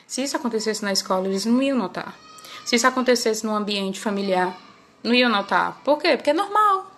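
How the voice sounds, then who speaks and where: A woman with a fairly high, slightly bright voice hosts her parenting channel, talking casually to the camera. She often tags little questions onto the ends of her phrases.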